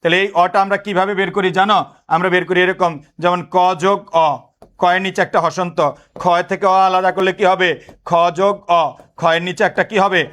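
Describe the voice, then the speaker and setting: A man's voice: high voice, steady tone, moderate pace, a bit bright. A man in his thirties teaching an exam-prep lesson, drilling students with repeated questions and mixing in English words. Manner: code-switches into English words.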